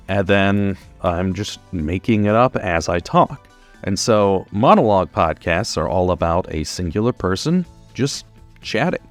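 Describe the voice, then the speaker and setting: A man in his twenties, working as a podcast producer, gives beginners a casual, unscripted explainer in an informal, conversational manner. His voice sits on the low side.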